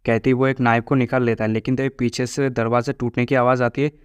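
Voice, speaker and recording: A man tells a story recap in a steady, even-toned narrating voice. His voice is smooth and clear, with little rise and fall in pitch. The sound is dry and close, with no room echo. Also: fast. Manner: flat, steady storytelling with quoted lines read plainly.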